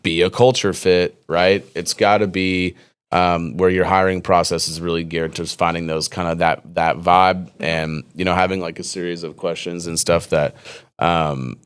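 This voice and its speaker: A man's voice: low-pitched, flat delivery, moderate pace, clean tone. A man hosting a podcast interview, talking casually and rambling with many fillers and restarts. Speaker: podcast host.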